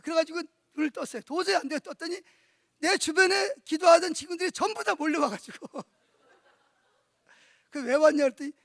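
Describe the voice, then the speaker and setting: A middle-aged male pastor preaching a sermon at a church conference, telling stories in an animated way and often asking the congregation rhetorical questions. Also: very high-pitched, no echo, studio quality.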